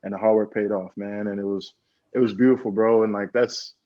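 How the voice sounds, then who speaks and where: Earnest young man with a flat, low voice. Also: brisk, dry recording. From United States. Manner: earnest, reflective, repeats phrases, says "bro" and "man". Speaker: guest, pro football player. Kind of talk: casual interview storytelling. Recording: dull, lo-fi dry sound.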